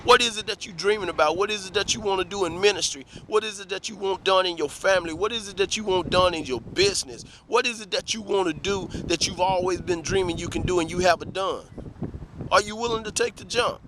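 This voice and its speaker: A man's voice: sits high, quick pace, background noise. A man giving a preachy motivational talk to camera, full of rhetorical questions and repeated calls of "let me tell you something.". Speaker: motivational vlogger.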